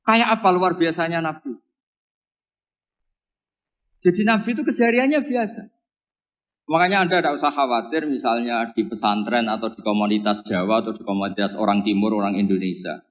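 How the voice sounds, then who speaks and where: A man with a Javanese accent giving a relaxed religious lecture, teasing his audience and quoting Arabic verses. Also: mid-range voice, brisk, pauses often. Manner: jokey, teasing the audience, mixing in Arabic quotes. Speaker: Islamic preacher. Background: audience laughter.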